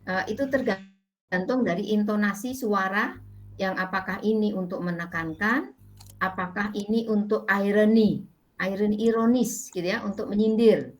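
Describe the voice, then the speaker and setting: A woman's voice: medium pitch, moderate pace, low-quality recording. A middle-aged woman lecturer with an Indonesian accent, patiently explaining English grammar to her class with many fillers. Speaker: university lecturer.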